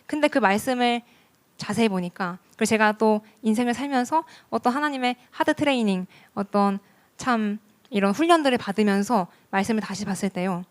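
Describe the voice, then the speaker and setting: A woman's voice: fairly high pitch, brisk. A woman evangelist preaching a sermon at a church worship service, talking earnestly and directly to the congregation. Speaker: youth ministry evangelist.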